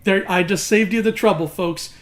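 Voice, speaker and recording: A man with a high voice speaks at a normal speed over slight background noise. As a YouTube host reviewing books, he delivers an opinionated review in an emphatic, sarcastic, exasperated way. His words come out slightly slurred and mumbled, like marbles in his mouth, from a swollen mouth.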